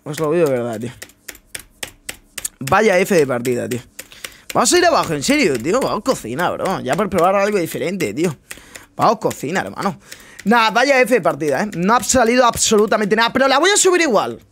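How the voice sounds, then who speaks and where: A man's voice: high voice, sing-song, brisk, a bit bright, a little hiss or hum. A young man, giving casual, slangy gameplay commentary full of swearing and addressing his viewers directly. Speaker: gaming streamer.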